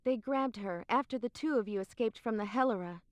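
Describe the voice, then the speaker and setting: A slightly high, natural-sounding woman's voice moves briskly as she plays a secretive, composed young woman in a game cutscene. She stays calm, serious and coolly matter-of-fact, with faint game music drifting through the roomy sound.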